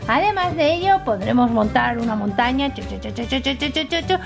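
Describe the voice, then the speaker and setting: A woman with a Spain Spanish accent hosting children's toy videos in a playful, exclamatory, squeaky sing-song manner. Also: lively intonation, a little fast, creaky. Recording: music behind the voice.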